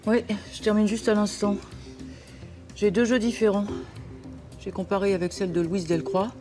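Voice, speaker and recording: A woman plays a forensic police specialist in a TV crime drama. She is frank and familiar, with a teasing directness and a medium-pitched voice over faint music. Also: moderate pace, dark tone, natural voice. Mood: matter-of-fact. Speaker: actor in a police series. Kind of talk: naturalistic TV crime drama acting.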